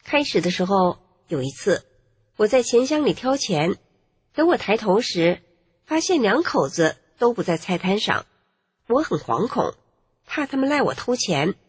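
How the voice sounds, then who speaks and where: A woman narrating her own life story in an earnest, measured way. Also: mid-range voice, sing-song, breathy edge. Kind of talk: first-person testimony narration. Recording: long reverb with faint music.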